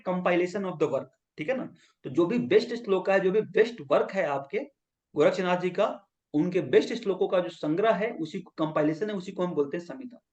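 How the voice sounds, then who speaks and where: Male yoga teacher lecturing a class, high voice, storytelling, keeps checking that the students follow. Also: darkish tone. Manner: asks the class to repeat points back; acts out quoted lines as he tells stories.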